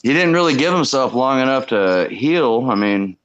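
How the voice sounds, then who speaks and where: A middle-aged man co-hosting a casual political chat, speaking haltingly with frequent restarts. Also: mid-range voice, lively intonation, a bit bright, lo-fi sound. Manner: halting, restarts, agreeing interjections. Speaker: co-host.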